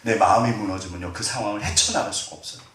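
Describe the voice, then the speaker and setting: A man's voice: fairly low pitch, fast, fairly bright tone. A middle-aged man preaching a conversational sermon as pastor. He keeps asking the congregation questions and acts out family members' words. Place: church sanctuary. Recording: roomy sound, distant from mic.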